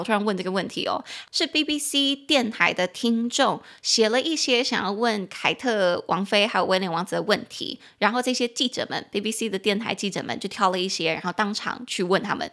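A woman, hosting a casual podcast English lesson in a playful, chatty way, spelling words out and repeating them slowly. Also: medium pitch, a bit bright. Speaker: English teacher and podcast host.

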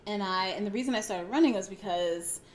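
A woman's voice: mid-range voice, brisk, slight background noise. A woman in her forties, a podcast guest telling her story in a rambling, casual way with frequent laughter and fillers. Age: 40s. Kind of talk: casual interview chat.

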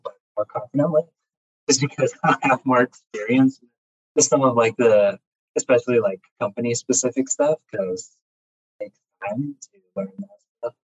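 A man's voice: mid-range voice, darkish tone, husky. A young man on a video call chatting casually and rambling, his voice coming through a tinny, metallic microphone that keeps cutting out. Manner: rambling, restarts thoughts often. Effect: tinny, cutting-out microphone like a tin can on a string. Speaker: community call participant. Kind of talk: casual chat. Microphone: poor headset or computer mic on a video call.

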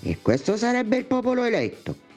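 A man's voice: very high-pitched, huge pitch swings, moderate pace, a little mellow, soft background music, pitched above the performer's own voice, heavily acted. A man voicing a pompous, ancient male God in a comic sketch. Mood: lofty.

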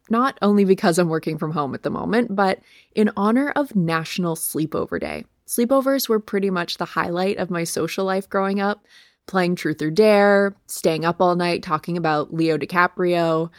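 A woman's voice: lowish voice, animated, moderate pace, no echo. A woman recording a chatty, casual voice message from under a blanket at home. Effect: recorded under a blanket, muffled and dry. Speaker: podcast producer leaving a voice message.

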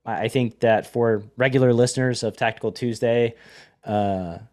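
A man's voice: mid-range voice, steady tone, normal speed, darkish tone. Rambling, self-deprecating male podcast host. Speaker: podcast host, poker coach. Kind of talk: casual podcast chat and hand commentary.

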